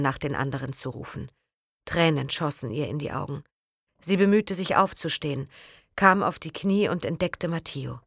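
Low-voiced woman narrating a dramatic story. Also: no echo, clean studio sound. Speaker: audiobook narrator.

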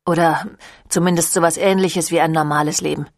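A woman's voice: sits low, steady tone, brisk, no room sound, clean studio sound. Woman voicing a flustered young vampire guy. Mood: defensive. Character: young reluctant male vampire, defensive. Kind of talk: audiobook reading.

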